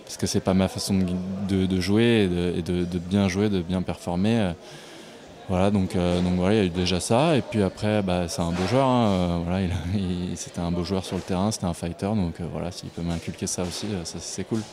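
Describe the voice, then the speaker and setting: A man from Paris, a tennis player answering post-match interview questions in a relaxed way, with many hesitations and fillers. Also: low-pitched, brisk. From Paris, France.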